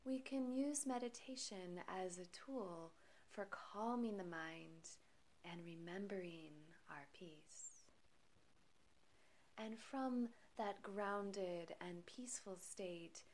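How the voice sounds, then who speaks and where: A meditation guide and podcast host leads a meditation at a very slow pace. Her medium-pitched voice is soft and breathy, and she speaks gently and calmly, with long pauses between short phrases.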